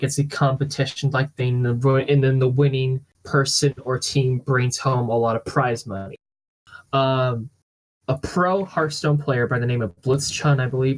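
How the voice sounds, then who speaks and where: A man hosting a casual podcast, explaining things in a halting, rambling way. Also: medium pitch, rough recording. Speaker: podcast host.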